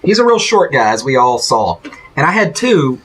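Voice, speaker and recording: A man co-hosting a podcast in casual chat, telling animated stories and stumbling over his words. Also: mid-range voice, moderate pace, breathy edge. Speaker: podcast co-host.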